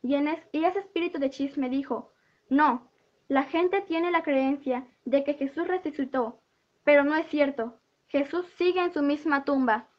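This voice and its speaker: High-voiced woman giving an earnest testimony. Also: measured pace, dull audio. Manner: earnest retelling of a vision with quoted dialogue. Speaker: church member giving a testimony.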